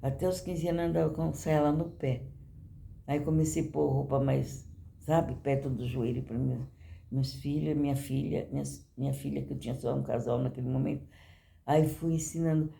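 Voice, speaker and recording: A woman's voice: extremely low pitch, steady tone, normal speed, vocal fry, mellow, a little hiss or hum. An older woman giving a personal testimony in church, talking conversationally to the congregation and often asking "you know?".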